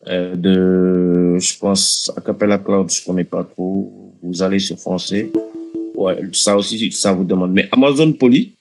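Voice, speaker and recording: A man hosting a casual screen-recording software tutorial, talking viewers through the steps with hesitations and restarts. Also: fairly low pitch. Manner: hesitant, many fillers and restarts, addresses viewers directly. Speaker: tutorial host.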